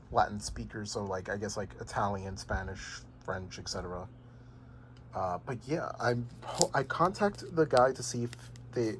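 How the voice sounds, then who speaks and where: A man's voice: medium pitch, background noise. A young man casually vlogging about games he collects, rambling with lots of fillers and restarts. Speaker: gaming vlogger. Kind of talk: casual unboxing and game progress vlog. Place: bedroom at home.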